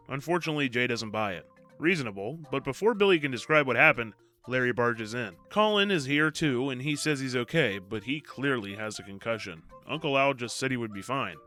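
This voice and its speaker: Bright and forceful, his mid-range voice carries a scripted book summary as a video host, told in a wry, joking storytelling style with sarcastic asides.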